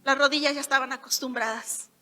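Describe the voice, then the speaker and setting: A middle-aged Mexican woman from Hidalgo giving an emphatic sermon testimony, rising to loud declarations. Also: high-pitched, steady tone, fast talker. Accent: Mexican Spanish. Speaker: preacher. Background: soft keyboard music.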